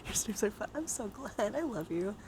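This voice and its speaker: A woman hosts a livestream during a dice game, chatting casually and playfully with viewers, giggling and swearing freely. Her medium-pitched voice is expressive with a darkish tone, and she speaks at normal speed. A little hiss or hum can be heard.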